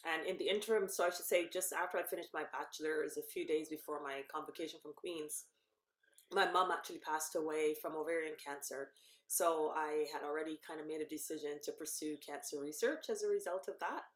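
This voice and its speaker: A Barbadian professor and cancer researcher in her fifties, guesting on a podcast, explains her research at length in a low, deep, steady voice, talking fairly quickly. She corrects herself along the way with ums, and the room adds a clear, roomy echo.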